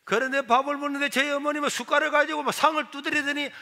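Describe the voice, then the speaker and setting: High bright-voiced Gyeongsang pastor. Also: male voice, fast talker. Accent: Gyeongsang Korean. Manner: animated storytelling, acting out voices. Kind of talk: sermon. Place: church sanctuary. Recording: long church hall reverb.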